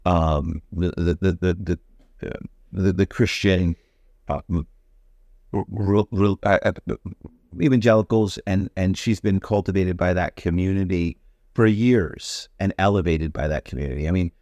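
A man co-hosting a podcast in casual conversation, talking haltingly with many restarts and stammers. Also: low-pitched, a little mellow, dry recording. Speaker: podcast co-host.

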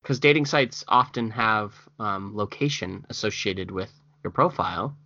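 A man's voice: lowish voice, measured pace, gravelly, sharp tone, no echo, lo-fi sound. A man co-hosting a casual true-crime podcast, reacting with skeptical, dry remarks and questions. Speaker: podcast co-host.

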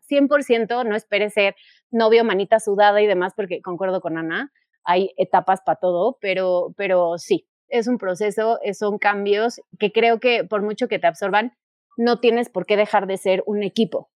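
A woman's voice: medium pitch, normal speed, a little mellow, dry recording, studio quality. A woman, co-hosting a podcast and speaking earnestly in casual conversation. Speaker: podcast co-host.

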